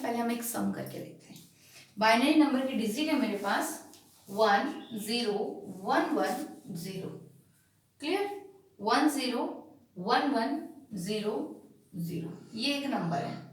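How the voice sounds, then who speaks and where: A woman teacher who explains a lesson step by step, often asking checking questions and answering them herself. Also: fairly high pitch. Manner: slow and emphatic when spelling out digits. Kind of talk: classroom lesson on binary numbers. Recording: echoey room, far from the mic.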